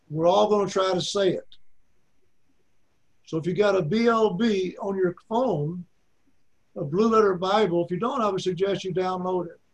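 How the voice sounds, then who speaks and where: High-voiced older man with an Arkansas accent. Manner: folksy, repeats points for emphasis. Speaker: Bible teacher. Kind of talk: teaching an online Bible class.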